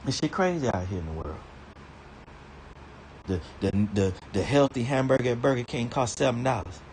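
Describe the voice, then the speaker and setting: A man's voice: expressive, normal speed, a little mellow, a little hiss or hum. A man ranting casually to camera, swearing a lot, stammering and repeating himself, his voice jumping up when he gets indignant. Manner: rambling, swears heavily, stammers and repeats words; indignant, pitch jumps high when worked up. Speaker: vlogger. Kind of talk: casual profane rant.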